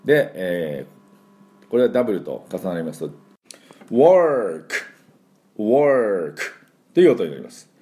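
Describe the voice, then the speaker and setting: A man's voice: deep voice, big pitch swings, moderate pace, dark tone. A middle-aged man hosting an English pronunciation lesson, acting out sounds playfully and leading exaggerated repeat-after-me drills. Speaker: English pronunciation teacher and host.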